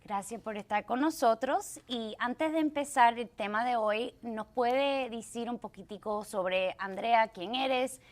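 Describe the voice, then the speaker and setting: A woman's voice: fairly high pitch, unhurried, few pauses. A woman hosting an interview show, welcoming a guest and asking questions while sometimes searching for words. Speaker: show host.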